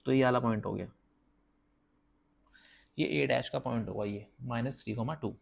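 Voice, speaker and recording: Counting slowly while he draws, a man teaches math casually at a whiteboard, going step by step and often making sure the audience follows along. His medium-pitched voice carries some vocal fry.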